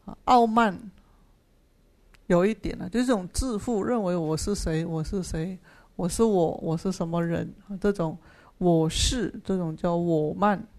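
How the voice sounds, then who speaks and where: Patient sutra lecturer, mid-pitched and unhurried; repeats key phrases and works through Pali terms for a class. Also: gravelly. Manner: patient explaining of Pali terms, asks and answers own questions. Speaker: Buddhist sutra teacher. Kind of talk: explanatory dharma class lecture.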